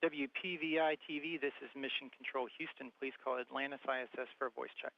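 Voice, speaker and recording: A mission control man speaking over a dry, muffled air-to-ground radio loop, like a sci-fi communicator. His voice is gravelly, and he rattles through clipped call procedure at speed. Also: mid-range voice, fairly even intonation, fast, no echo.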